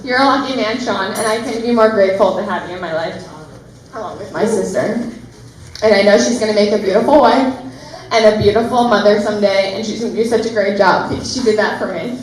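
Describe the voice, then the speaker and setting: A woman's voice: mid-range voice, fast. A young woman, the maid of honor, giving a heartfelt, giggly wedding toast, close to tears at times. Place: wedding reception hall. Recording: echoey reception hall.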